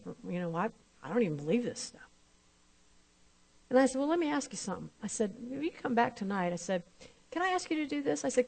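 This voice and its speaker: Woman, minister, sermon testimony, storytelling, voices both sides of the talk. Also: medium pitch.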